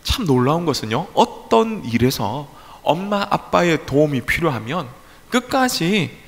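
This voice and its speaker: Animated male pastor preaching in an echoey hall. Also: a little high, a little slow. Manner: animated preaching with rhetorical questions and acted-out voices. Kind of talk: sermon. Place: church sanctuary.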